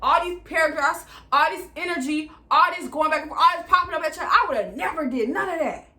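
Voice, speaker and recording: A woman, telling an animated, profane storytime vlog and re-enacting her own dialogue. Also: high voice, fast. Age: 20s. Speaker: vlogger.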